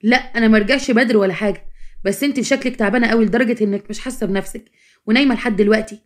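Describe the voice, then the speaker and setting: A woman's voice: on the high side, racing, close to an everyday voice. A woman voicing an angry Egyptian husband. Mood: concerned. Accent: Egyptian Arabic. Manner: scolding, insistent, rising to anger. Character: exasperated husband, grown man, stern and proud.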